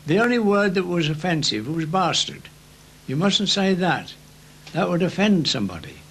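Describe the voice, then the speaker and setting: A very elderly Englishman, a war veteran, remembering his service in an unhurried, anecdotal interview style. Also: high-pitched, very animated, a little hiss or hum. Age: very elderly, 90s or older. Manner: unhurried anecdotal telling, acting out remembered shouts. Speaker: First World War veteran. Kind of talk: old veteran reminiscing in an interview.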